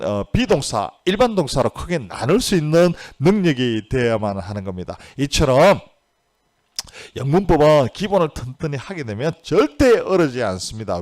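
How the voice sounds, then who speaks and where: A man teaching English grammar in a video lecture, explaining step by step and often checking with "right?" and reading English example sentences slowly. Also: mid-range voice, darkish tone. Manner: explanatory, asks "그죠?" for agreement.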